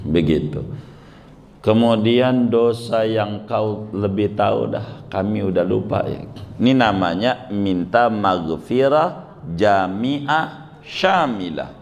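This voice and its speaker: A male Islamic preacher from Banten, giving a humorous sermon, chatty and joking, acting out little scenes and repeating words for effect. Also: lowish voice. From Banten, Indonesia.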